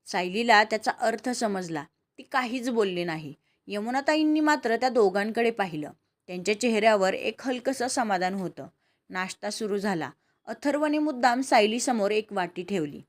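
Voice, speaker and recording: Brief: steady, calm woman narrating a family drama. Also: mid-range voice, normal speed. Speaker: storyteller. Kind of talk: scripted story narration.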